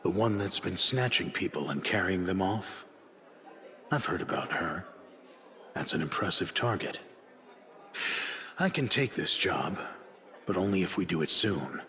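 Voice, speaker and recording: Greybor, a deep, reverberant, haughty assassin. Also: male voice, expressive, bright, forceful tone, heavily acted. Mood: businesslike. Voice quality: deep, dignified. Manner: measured, formal, condescending. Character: proud, cool-headed professional assassin for hire, businesslike and haughty. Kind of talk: scripted fantasy video game dialogue.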